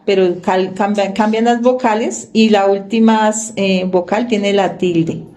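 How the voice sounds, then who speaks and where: A woman's voice: mid-range voice, dark tone. A woman giving a Bible teaching sermon, explaining verses and often checking in with her listeners. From Colombia. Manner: reads scripture slowly and emphatically. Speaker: congregation teacher.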